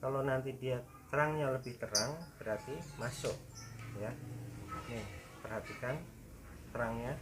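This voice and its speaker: A man's voice: mid-range voice, moderate pace, long pauses, heavy background noise. A man giving a casual DIY how-to demonstration at home, talking to viewers like friends. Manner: relaxed, talks straight to viewers as friends. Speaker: DIY tutorial maker.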